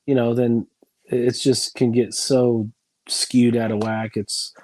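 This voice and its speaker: A man's voice: medium pitch, little pitch movement, takes it slowly, a little mellow. A man in his forties, a football coach, talking in a rambling, frank, folksy way in a casual reunion chat.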